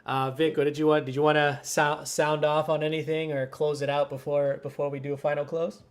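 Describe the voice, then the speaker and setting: A man hosting a casual sports podcast, talking fast in an easygoing way. He keeps the conversation moving and steers it toward the next topic. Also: fairly high pitch, flat delivery. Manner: quick, easygoing, steers the show. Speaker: podcast host.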